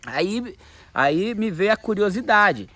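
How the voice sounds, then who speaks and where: A man with a Brazilian Portuguese accent giving a motivational coaching talk, animated and acting out quotes from others. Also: sits high, slow, no echo.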